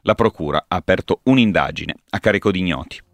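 A man reading a radio news bulletin in a steady, measured delivery at a studio microphone. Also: low voice, gravelly, loud music behind the voice. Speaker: newsreader.

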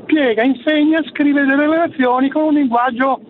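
Very high-voiced man calling in by phone. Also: steady tone. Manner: earnest and explanatory, with halting restarts. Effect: heard over the phone. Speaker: radio caller. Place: in a moving car. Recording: tinny phone line from a car with faint noise.

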